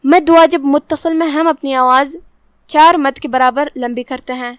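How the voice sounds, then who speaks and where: A woman teaching Quran recitation rules, explaining each letter calmly and reciting verses very slowly. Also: high voice, no room sound, clean studio sound. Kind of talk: tajweed lesson with slow recitation.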